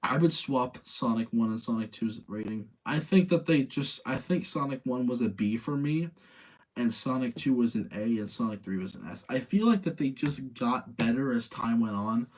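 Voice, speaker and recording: A man with a mid-range voice hosts a live show ranking video game movies, sounding animated and moving at a normal speed. He chats casually and informally with listeners, sharing his own opinions freely. The recording quality is low.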